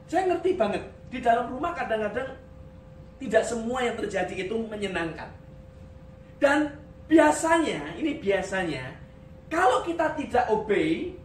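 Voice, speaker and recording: A male pastor delivers a sermon with a swinging, animated pitch, joking and dropping English phrases into his speech. His voice sounds from some way off the mic, filling an echoey church hall with a faint hum behind it. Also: recorded from a distance.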